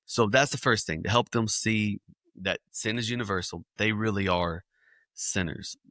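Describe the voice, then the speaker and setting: A man, a children's ministry speaker, telling lively illustrative stories in a podcast interview. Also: on the low side, normal speed, dry recording, clean studio sound. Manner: animated storyteller acting out scenes.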